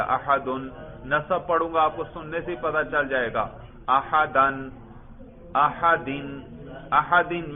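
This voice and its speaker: Man teaching grammar over a tinny line. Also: on the high side. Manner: drills students step by step and praises answers. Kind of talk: classroom grammar lesson with questions to students. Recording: tinny phone-like sound.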